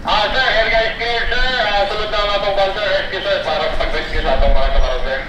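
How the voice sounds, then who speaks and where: A man's voice: high voice, quick pace. A man speaking in police radio style, giving clipped call-outs and acknowledgments during an airport drill, recorded from far off outdoors. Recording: far off, echoey, loud outdoor noise. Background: loud outdoor noise.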